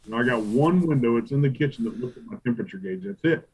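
A middle-aged man, telling barbecue stories in a loose, profane interview. His voice is a bit husky and sits at an ordinary pitch for a man. He jumps into quick acted asides as he quotes himself and others. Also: lively intonation, a little mellow, low-quality recording. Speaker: competition barbecue pitmaster and restaurant owner. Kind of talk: casual storytelling interview.

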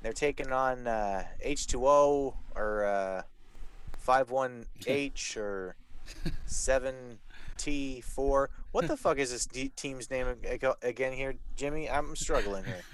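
A man's voice: medium pitch, takes it slowly, a little hiss or hum, rough recording. A man hosting a casual wrestling podcast, talking emphatically with sardonic asides and plenty of swearing. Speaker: podcast host. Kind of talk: casual profane wrestling show commentary.

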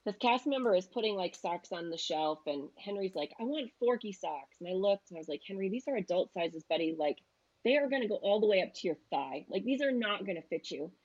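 A woman's voice: mid-range voice, lively intonation, brisk, darkish tone, dull audio. A woman in her thirties, a travel agent guest, chatting casually and acting out quotes as she tells stories. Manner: chatty storyteller who acts out quotes. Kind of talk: casual chat.

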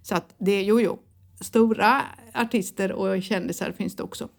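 A middle-aged woman co-hosts a podcast in casual chat, telling animated stories and laughing often. Her medium-pitched voice stays steady, with some vocal fry.

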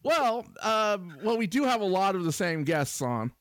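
A man's voice: high voice, big pitch swings, measured pace, a bit bright, no echo. A man co-hosting a podcast, talking casually with lots of fillers and dry humor. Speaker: podcast co-host.

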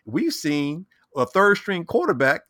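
A man with a bright, forceful voice in lively sports talk. He talks animatedly, often repeats words and acts out his own reactions. The sound is dry and close. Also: on the high side, a little slow, no room sound. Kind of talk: casual sports chat.

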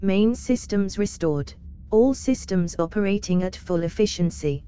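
A woman voicing a female ship computer with a metallic cyborg voice, giving flat, clipped status announcements. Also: mid-range voice, a little slow, a little hiss or hum. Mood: announcing.

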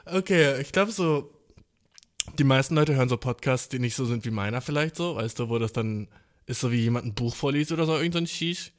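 A man's voice: medium pitch, lively intonation, fairly quick. A young man hosting a casual solo podcast, hyperactive and playful, full of slang and swearing, who keeps calling the listener bro. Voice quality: slangy, swears a lot, says bro constantly. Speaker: podcast host. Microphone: phone in hand.

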